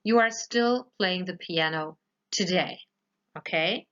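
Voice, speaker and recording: A woman's voice: lowish voice, takes it slowly, fairly bright tone. A woman teaches English grammar in a recorded lesson for schoolchildren. She goes patiently step by step and keeps checking that her pupils follow. The voice-over sounds a little dull and lo-fi. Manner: patient, explains step by step, often checks with "okay?".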